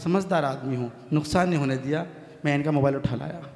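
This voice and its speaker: High-voiced comic poet in an echoey hall. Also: male voice, quick pace. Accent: Hindi, north Indian. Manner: punchy, rising to loud excited punchlines. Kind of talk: stand-up comic poetry recital. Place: large hall stage at a poets' gathering. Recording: echoey hall with long reverb.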